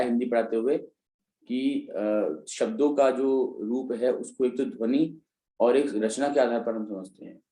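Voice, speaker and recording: In a roughly recorded classroom lecture with a roomy sound, a man teaches an exam-prep class, walking through each step and often checking whether students follow. His voice is mellow and mid-range.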